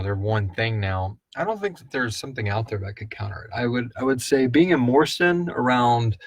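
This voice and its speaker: On the low side and recorded dry, the host of a live audio drama Q&A keeps things loose and chatty. He meanders through his answers, thinking out loud and speculating.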